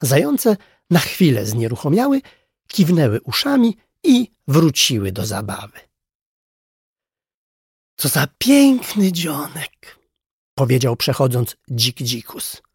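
Slow, raspy storybook narrator. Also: male voice, mid-range voice, no echo, studio quality. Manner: slow, gently expressive reading.

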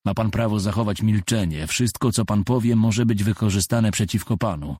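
Guy doing a steady cop reading someone their rights, deep and husky, calm. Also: moderate pace, no echo, lightly acted. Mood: formal. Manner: clear, steady, formal. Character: calm, fit male police sergeant reading rights.

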